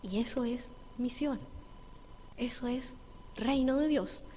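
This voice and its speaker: A woman pastor preaching an earnest sermon, slowing down to stress key words as she tells a story. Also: fairly high pitch, mellow, a little hiss or hum. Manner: earnest, preacherly, slows for emphasis. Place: church. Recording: reverberant church hall with faint ambience.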